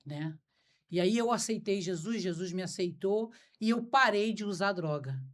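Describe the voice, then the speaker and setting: With a medium-pitched voice at normal speed, a Brazilian woman chats openly and informally while hosting an interview-style podcast. She speaks with a Brazilian Portuguese accent.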